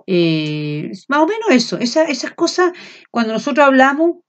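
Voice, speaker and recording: A woman with a Chilean accent teaching a language class, often checking in with her students and filling pauses as she explains. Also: high-pitched, big pitch swings, muffled recording. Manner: frequent checks of "¿ya?" and fillers; speaks loud without shouting. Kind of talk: classroom lecture.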